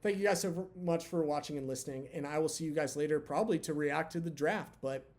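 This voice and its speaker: A man hosting his own video channel, chatting candidly with lots of fillers, his voice a bit hoarse from talking long. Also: a little high, fast talker, a little mellow. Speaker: basketball channel host. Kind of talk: casual talk to camera.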